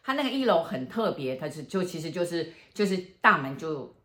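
A woman with a Taiwanese Mandarin accent, a fortune teller telling a ghost story in animated, exclamatory casual chat. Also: on the low side, fairly quick. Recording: echoey room.

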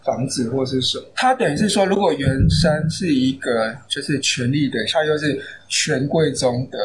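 A man's voice: mid-range voice, moderate pace. A man with a Taiwanese Mandarin accent, an author guest on a podcast, chatty and anecdotal with many fillers. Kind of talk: casual podcast interview. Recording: noisy background.

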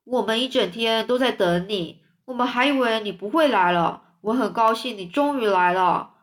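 A woman voicing a calm, dignified old male grasshopper in a storybook reading. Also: on the high side, moderate pace, close to an everyday voice. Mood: kindly.

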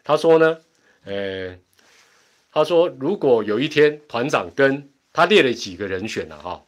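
A middle-aged man with a Taiwanese accent hosts a casual livestream from a home internet setup. His mid-range voice is expressive and a little slow, and he rambles chattily, laughing often between asides.

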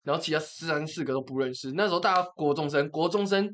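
A man's voice: on the high side, fast talker. A young man with a Taiwanese Mandarin accent, telling a story in casual chat and acting out the people in it. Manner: animated, acts out the people in his story. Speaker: podcast co-host.

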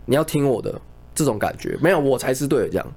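A man speaking explains his thoughts on a casual podcast. He sits at a mid pitch, but his intonation swings widely up and down. He talks in a reflective way and often stops and restarts his sentences. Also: sing-song, fast, vocal fry, mellow, slightly rough. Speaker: podcast co-host. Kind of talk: casual chat.

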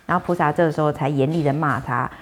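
This woman, a medium and fortune teller, talks quickly in a low-pitched voice. She chats to viewers about one client's case in a storytelling monologue, loose and conversational and full of fillers.

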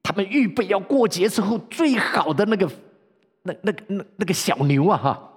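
A man preaching to his congregation as pastor, telling the story animatedly and slipping into the characters' voices. His pitch sits a little high and swings widely, with a slightly husky edge. A long reverb fills the church around him. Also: moderate pace. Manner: animated, acts out the story, laughs. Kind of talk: storytelling sermon. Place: church sanctuary.

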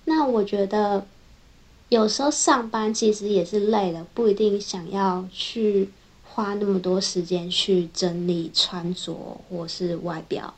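A young woman engineer, telling her own workplace stories in a casual, chatty vlog, linking her thoughts with a steady run of "and then". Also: medium pitch. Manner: chatty, strings thoughts together with frequent "then". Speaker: software engineer. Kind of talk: casual personal vlog storytelling.

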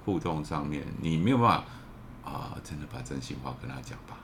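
Man, Taiwanese accent, extremely low pitch, reflective casual discussion, faint noise. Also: animated, a little fast, a bit bright. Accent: Taiwanese Mandarin. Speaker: podcast panelist.

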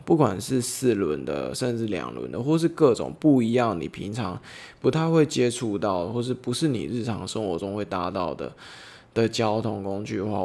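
Gentle storytelling man. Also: fairly low pitch. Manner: gentle, reflective, unhurried storytelling. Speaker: podcast host. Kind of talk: personal storytelling podcast.

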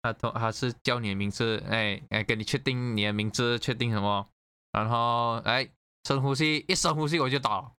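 A man casually telling an animated story in conversation, swearing freely. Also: medium pitch, brisk, clean tone, no echo. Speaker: guest sharing a story. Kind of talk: casual chat.

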